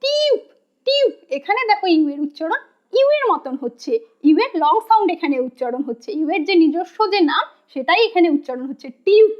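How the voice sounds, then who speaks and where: A woman with a high voice teaches a phonics lesson. She spells each word out letter by letter and asks questions that she answers herself. The recording sounds dull and lo-fi. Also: lively intonation. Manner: slow, spells words letter by letter. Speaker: English teacher.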